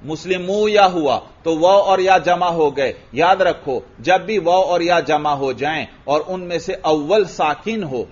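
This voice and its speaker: High-voiced man teaching a grammar class. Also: few pauses. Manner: asks the class questions and answers them himself, repeats key words. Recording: dull lo-fi lecture recording.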